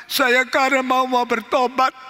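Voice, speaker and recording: A stern, earnest former gambler, as a preacher puts him on, speaks in a high, bright tone. He gives curt orders to his wife and talks through his pain. A long hall reverb trails his voice. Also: completely flat delivery, unhurried, soft background music, exaggerated voice.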